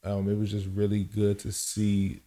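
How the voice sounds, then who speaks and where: A Cameroonian man of about thirty-one chats casually as a podcast guest. His low, soft-edged voice sounds relaxed, and he often pauses to search for his next word.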